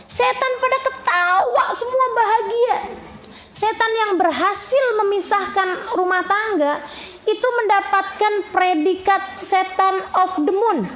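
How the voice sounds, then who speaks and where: Woman preacher, very high voice, roomy echoey sound, lively informal Q&A talk. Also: measured pace, crowd noise. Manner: animated, acts out quoted people, often addresses listeners as friends. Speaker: Islamic preacher answering audience questions. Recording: roomy echo.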